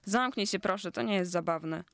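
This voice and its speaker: A reader voicing an irritable young woman who snaps and shouts accusations at her friends in a story. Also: medium pitch, normal speed, vocal fry, no echo, clean studio sound. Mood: furious. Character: irritable, indignant young woman, quick to fury.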